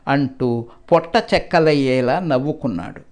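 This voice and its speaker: A man reading folk tales aloud in a measured storybook narration, giving the characters' lines in his own voice. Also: mid-range voice, animated, a little mellow.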